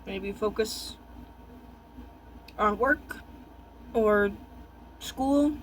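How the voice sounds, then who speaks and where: A young man chatting casually while eating, talking with his mouth full in halting, musing short thoughts. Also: high-pitched, fairly bright tone, slight background noise, poor audio.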